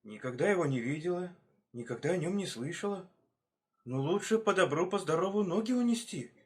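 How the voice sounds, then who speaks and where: A man's voice: high-pitched, lively intonation, a little fast, darkish tone, voice pushed up. A man voicing a sly, hungry, clever fox in a storybook tale, scheming and sing-song.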